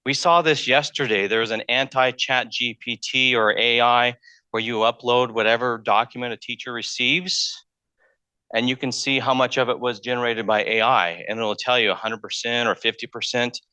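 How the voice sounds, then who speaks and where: A man's voice: medium pitch, steady tone, moderate pace, pushed and bright, clean tone, no room sound. A man giving a public college lecture in a room, talking conversationally and thinking aloud as he goes, speaking into a handheld mic. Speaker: math lecturer.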